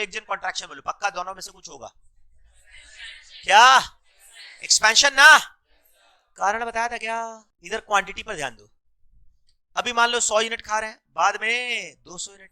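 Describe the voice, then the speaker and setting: A male economics teacher with a high-pitched, sharp-toned voice lectures his class, mixing terms into his speech. It's a call-and-response lecture, and he constantly prompts students to answer back.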